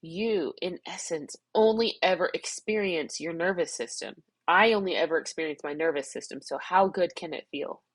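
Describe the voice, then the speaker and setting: A middle-aged woman vlogger processes her feelings out loud in an emotional personal vlog, rambling and self-reflective as she cries, her nose congested. Her voice is fairly low, moving at a moderate pace with few pauses, and the recording is dry.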